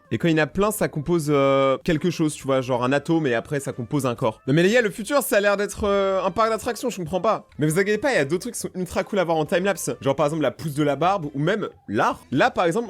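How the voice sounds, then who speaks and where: A young man joking his way through casual reaction commentary, excitable and hopping from one topic to the next. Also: on the high side. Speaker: YouTuber reacting to videos.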